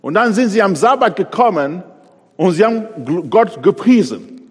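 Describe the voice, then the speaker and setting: A man preaching a sermon, pressing hard on key words, then dropping to a quiet voice. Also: high voice, sing-song, normal speed, husky, big-room sound. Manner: emphatic, swings between loud stresses and quiet drops.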